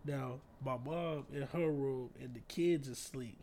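A man's voice: mid-range voice, measured pace, mellow, a little hiss or hum. A man co-hosting a casual chat, telling laid-back stories full of slang and profanity. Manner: laid-back storyteller, laughs through his punchlines. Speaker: podcast co-host.

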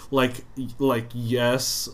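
A man's voice: medium pitch, flat delivery, very slow, a bit bright. A man co-hosting a casual film podcast, talking in a dry, matter-of-fact way with stumbling restarts. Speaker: podcast co-host.

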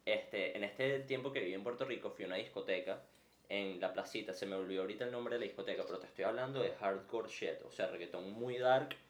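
A man's voice: on the low side, fast talker. Slangy young Venezuelan man, roomy sound. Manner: slangy, animated storytelling. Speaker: podcast co-host. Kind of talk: casual chat. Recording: roomy echo.

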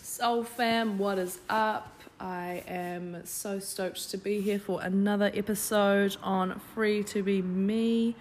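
A woman's voice: mid-range voice, steady tone, slow pace, hardly any pauses, a little hiss or hum. A woman with a New Zealand accent hosting a podcast, giving an informal, effusive spiritual self-help talk. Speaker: podcast host.

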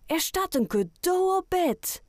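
A woman voicing an excited little boy penguin in a children's audiobook, speaking in eager exclamations. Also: very high voice, takes it slowly, no echo, clean studio sound, voice pushed up, heavily acted.

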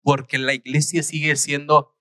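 Pastor, male, fervent sermon delivery, higher-pitched, dry close recording. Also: level tone, normal speed, pushed and bright, no room sound. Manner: fervent preaching with emphatic rises.

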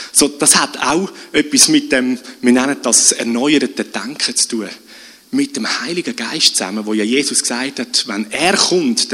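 A man preaching a lively sermon, often tagging his sentences with a questioning "oder?". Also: medium pitch. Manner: animated, keeps asking "oder?". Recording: long hall reverb.

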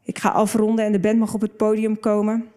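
A woman's voice: mid-range voice, monotone, dark tone. A woman preaching a sermon on stage, reading scripture and repeating key phrases for emphasis. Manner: slow, deliberate preaching with emphatic repetition. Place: church stage.

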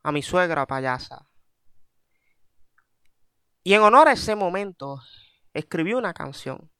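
A man telling a funny story in an animated, self-mocking way, repeating his punchlines. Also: on the high side, smooth, no room sound, clean studio sound. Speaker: comedic storyteller. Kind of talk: comic storytelling monologue.

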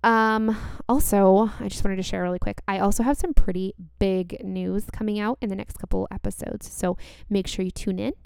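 A woman's voice: mid-range voice, steady tone, normal speed, gravelly, hardly any pauses, a little mellow, clean tone, no echo, studio quality. A woman hosting a self-help show, speaking earnestly and emphatically straight to the listener, repeating key phrases for weight. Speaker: podcast host. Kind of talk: motivational self-help talk, addressing the listener directly.

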